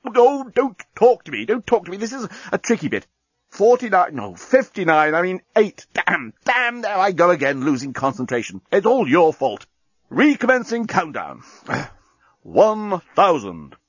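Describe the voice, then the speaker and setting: A man's voice: sits high, huge pitch swings, measured pace, husky, dry recording, muffled recording, pitched above the performer's own voice, exaggerated voice. A man voicing a fussy, easily distracted talking bomb that keeps losing count. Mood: flustered.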